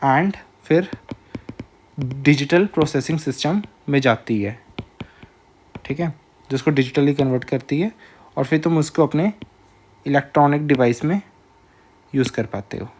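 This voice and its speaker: Slow-spoken Indian man lecturing. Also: on the high side, a little mellow. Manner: slow, measured, with frequent filler checks. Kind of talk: recorded lecture.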